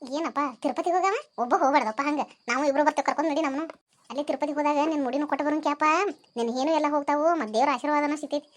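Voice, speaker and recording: A woman's voice: high-pitched, rapid-fire, natural voice. A woman with a North Karnataka accent playing a nagging deaf old grandmother in a comedy skit, preachy and rambling. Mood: coaxing. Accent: North Karnataka Kannada.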